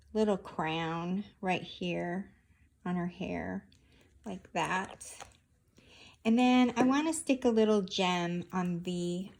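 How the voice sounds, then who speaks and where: A woman hosting a casual craft tutorial, talking through each step of her handiwork as she goes. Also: on the low side. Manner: unhurried, narrating each hand movement as she works.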